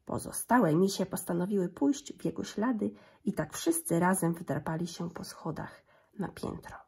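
A woman reading a fairy tale aloud to children, gentle and expressive. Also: fairly low pitch, normal speed, vocal fry, breathy edge. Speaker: storyteller.

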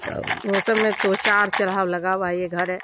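A young woman vlogging at home, cooing questions to her little boy and then quietly showing the flowers in her garden. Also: mid-range voice, flat delivery, normal speed. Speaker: vlogger and mother. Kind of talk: casual home vlog, talking to her child and viewers. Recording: faint background noise.

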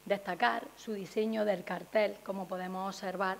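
A woman's voice: medium pitch, steady tone, moderate pace, vocal fry, a little hiss or hum. Woman presenting at a press conference. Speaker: town councillor presenting a festival announcement. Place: small indoor meeting room. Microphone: gooseneck desk microphone.

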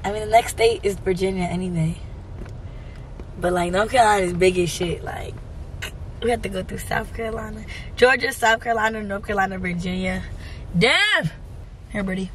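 A woman's voice: medium pitch, fairly quick, long pauses, fairly bright tone, a little hiss or hum. A young woman vlogging casually in a car and at a gas station at night. She is blunt and playful and talks straight to her viewers. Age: young adult. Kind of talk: casual chat.

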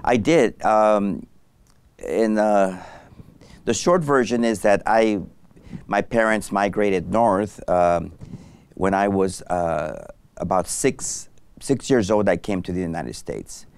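A middle-aged Mexican man, an anesthesiologist appearing as a guest in an interview, speaks in a lowish, resonant, and animated voice at a slow pace. He's thoughtful, using many fillers and restarts. The lapel mic in the studio set gives a clear sound.

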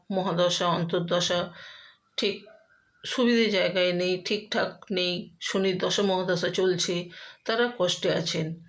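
A woman astrologer giving a horoscope talk to her viewers in a steady, explanatory way, with frequent pauses and filler sounds. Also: medium pitch.

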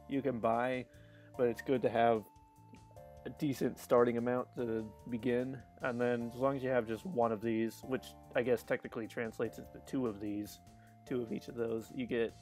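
His voice is mid-range with a darkish tone as he talks casually during a live game stream. The chatter rambles, laughter comes often, and sentences get restarted.

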